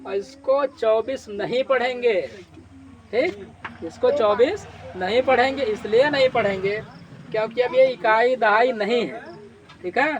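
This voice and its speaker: A man's voice: very high-pitched, unhurried. A male teacher giving a classroom maths lesson, repeatedly quizzing his class and answering his own questions.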